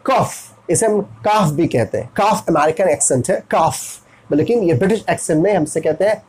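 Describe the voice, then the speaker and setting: A man's voice: a little high, animated, brisk, a little mellow, breathy edge, poor audio. A man with an Indian accent teaching English pronunciation in Hindi, asking and answering his own questions as he spells words out letter by letter. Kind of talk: explaining lesson.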